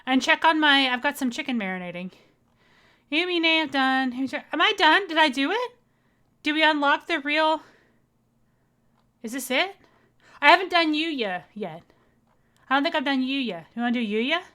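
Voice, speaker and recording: High-voiced woman streamer chatting. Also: animated, normal speed, pauses often, sharp tone. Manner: chatty, rambling, talks to her viewers. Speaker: streamer playing a game. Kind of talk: casual let's-play chat.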